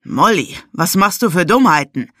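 A narrator voicing a brusque young gentleman motorist who snaps and scolds. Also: fairly high pitch, lively intonation, normal speed, dry recording, studio quality. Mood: scolding. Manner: gruff, snapping.

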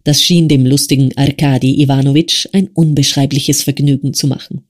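Audiobook narrator, scripted literary reading, measured, even delivery. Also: medium pitch. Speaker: audiobook reader.

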